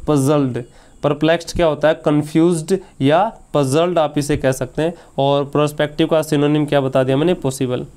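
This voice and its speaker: A man teaching a vocabulary lesson in a smooth, resonant voice that sits slightly higher than most men's. He explains each word patiently and often repeats it as a question, then answers it himself. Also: darkish tone. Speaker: English teacher.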